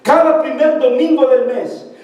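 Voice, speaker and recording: A man's voice: very high-pitched, steady tone, a little slow, dark tone, dull audio. A male pastor preaching a sermon to his congregation with fervor, repeating phrases for emphasis. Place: church sanctuary. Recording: very echoey church, mic far off.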